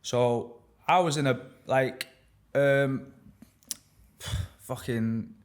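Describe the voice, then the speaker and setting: A young man speaks openly as a podcast guest. He talks in a reflective, halting way, often restarting his sentences, and swears casually. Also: mid-range voice, steady tone. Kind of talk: candid personal conversation.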